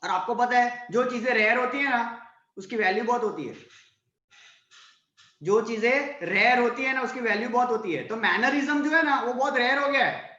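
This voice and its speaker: A male college lecturer with a Gujarati accent and a very high, pushed, bright voice teaches an online class; the recording is muffled and reverberant. He blends Hindi, Gujarati and English, repeatedly checking on his students with "right?".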